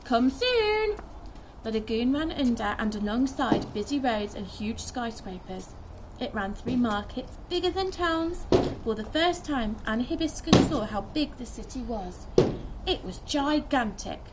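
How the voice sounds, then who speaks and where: Outdoors in a garden beside a wooden fence, a young woman with a fairly high voice reads a children's story aloud, animated and acting out the dialogue like a primary school teacher. A camera a short distance away picks her up in a noisy recording with clicks.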